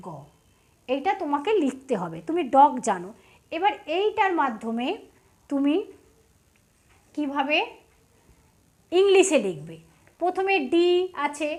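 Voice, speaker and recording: A woman teaching English spelling, sounding out each letter slowly and with emphasis. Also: high voice. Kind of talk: patient step-by-step tutorial.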